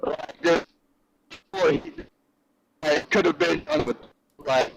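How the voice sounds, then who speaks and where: A man debating on a live stream, halting and stammering as his call audio cuts out and breaks up. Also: a little high, sing-song, creaky. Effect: call audio cutting out and breaking up. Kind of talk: heated online debate. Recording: noisy, dropping call line.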